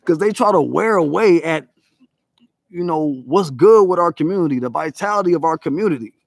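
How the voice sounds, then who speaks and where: Male vlog host, raised voice with gravel, profane and emphatic, dead-dry close recording. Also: on the high side, expressive, a little fast, dry recording. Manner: profane, emphatic, rhetorical questions; mocks others in quoted voices. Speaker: channel host. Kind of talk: unscripted commentary monologue.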